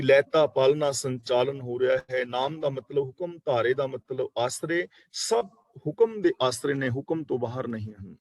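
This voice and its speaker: A man teaching a scripture class, reciting verses slowly and then explaining each word, at times correcting how a word is pronounced. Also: medium pitch, dry recording. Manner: corrects pronunciation letter by letter. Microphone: online video call.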